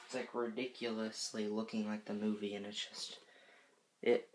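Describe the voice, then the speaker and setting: A man's voice: fairly low pitch, level tone, moderate pace, slight background noise, poor audio. A fifteen-year-old boy giving a casual, unscripted review in a hesitant, rambling way, often correcting himself. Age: teenager, fifteen. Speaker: reviewer of horror movie masks.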